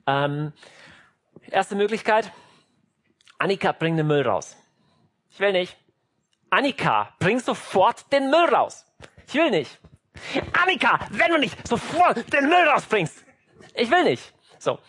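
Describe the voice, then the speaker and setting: An emphatic preacher delivers a sermon with a husky voice and a very animated pitch. The speaker illustrates points with everyday family scenes and acts them out now and then.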